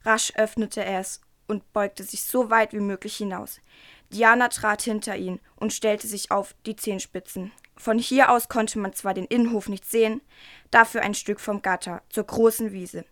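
A woman's voice: medium pitch, steady tone, normal speed, fairly bright tone, dry recording, clean studio sound. A woman presenting a book and reading a passage from it aloud, in an earnest, careful way with small stumbles.

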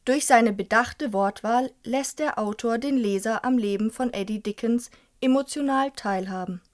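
A young adult woman presenting a scripted book review and reading a passage aloud in a clear, even storytelling manner. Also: fairly high pitch, normal speed.

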